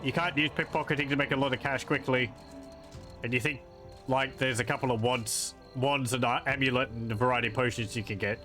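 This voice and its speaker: A man's voice: medium pitch, fairly even intonation, fairly quick, bright, forceful tone, soft background music. A man casually commenting on a game he is playing, offhand and musing. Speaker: let's-play commentator.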